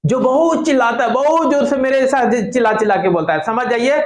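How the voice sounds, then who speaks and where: Man, classroom physics teacher, very high voice, quizzing students, echoey room. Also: brisk. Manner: asks the class questions and jokes with students.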